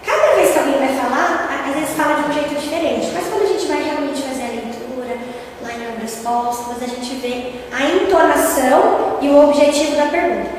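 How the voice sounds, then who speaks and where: Brazilian woman lecturer, high voice, earnest and teaching, picked up far from the mic in a reverberant hall. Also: a little fast, slight background noise. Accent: Brazilian Portuguese. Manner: earnest, teaching tone, often checks in with the audience. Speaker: spiritist lecturer. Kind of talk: religious lecture to an audience. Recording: echoey hall recorded from far off, faint ambience.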